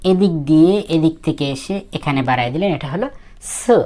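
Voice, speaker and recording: A woman teaching Japanese script in a casual spoken lesson, who goes through each stroke slowly and repeats herself, often trailing off quietly. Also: sits low, animated. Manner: explains slowly, repeating each step of writing the letters.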